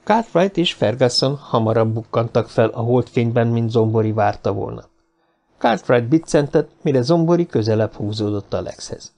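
A man reads a novel aloud at an even, measured pace. His voice sits at a middle pitch and carries a noticeable gravelly rasp. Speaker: audiobook narrator. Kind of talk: scripted narration.

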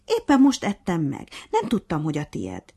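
A woman's voice: lowish voice, huge pitch swings, warm tone, husky, exaggerated voice. A woman voicing a fair-minded but bossy male hare acting as referee in a storybook tale, speaking in a strict, commanding way.

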